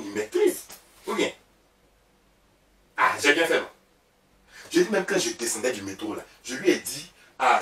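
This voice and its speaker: A man's voice: medium pitch, far from the mic, slight background noise. A man playing a chatty, boastful woman who gossips about her husband, with an Ivorian French accent, in a comic sketch. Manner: gossipy, animated, loud outbursts. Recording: roomy, from off-mic, faint background.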